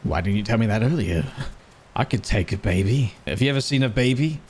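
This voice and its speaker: A man giving playful game commentary, talking to himself and breaking into silly high yelps. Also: expressive, a little fast, darkish tone, a little hiss or hum. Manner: joking, talks to himself, sudden high yelps. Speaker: gaming streamer. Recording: game music behind the voice.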